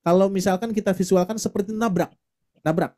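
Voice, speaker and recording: A man teaching a Quran recitation class, explaining patiently and demonstrating letter sounds, often ending phrases with a soft tag word. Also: a little high, normal speed.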